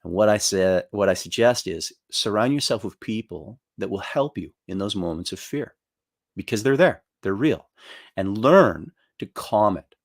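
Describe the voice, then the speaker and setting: A middle-aged man tells a story during a motivational talk, in a loose and conversational way with a few restarts. His voice sits fairly low. The sound is dry, with no room echo. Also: lively intonation, moderate pace. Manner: storytelling, acts out quoted voices with jumps in pitch; loose, chatty with fillers and restarts. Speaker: motivational speaker.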